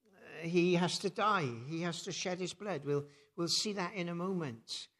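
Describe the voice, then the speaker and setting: A man's voice: sits high, normal speed, a bit bright. A man preaching a reflective sermon before a communion service, with many rhetorical tag questions and thoughtful hesitations.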